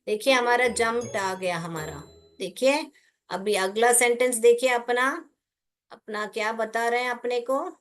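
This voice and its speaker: Slow, high-voiced woman teaching English. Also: a bit bright. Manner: patient, spells words letter by letter. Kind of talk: online class lesson.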